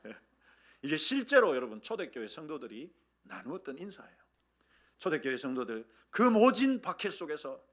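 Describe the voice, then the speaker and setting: A male pastor with a Gyeongsang accent preaches in a church, joking and calling out for the congregation to repeat after him. His voice is bright and forceful, and it swings widely in pitch. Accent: Gyeongsang Korean. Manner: lively, humorous preaching, leads congregation in call-and-response. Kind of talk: sermon. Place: church sanctuary.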